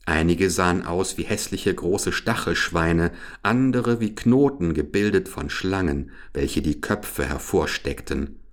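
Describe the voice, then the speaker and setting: A man narrating a fairy tale in a slow, deliberate storytelling manner. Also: low-pitched, lively intonation.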